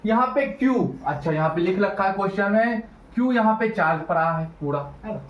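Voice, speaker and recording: A high-voiced man teaches physics in an animated, teasing way, talking straight to his students. His voice bounces around an echoey room. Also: brisk, highs cut off. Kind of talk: classroom lecture.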